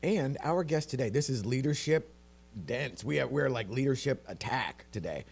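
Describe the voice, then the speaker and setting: A man's voice: mid-range voice, expressive, moderate pace, vocal fry, slightly rough. A man hosting a live stream in casual chat, joking and self-deprecating. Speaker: host.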